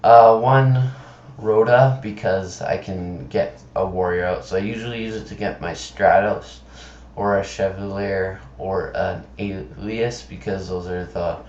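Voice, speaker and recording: A man with a low voice talks casually through a screencast, speaking with a sore tongue and throat. He is halting and trips over names. The sound is dull and roomy. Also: steady tone, a little mellow, a little hiss or hum. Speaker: presenter of card game videos. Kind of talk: casual deck profile commentary over screen recording.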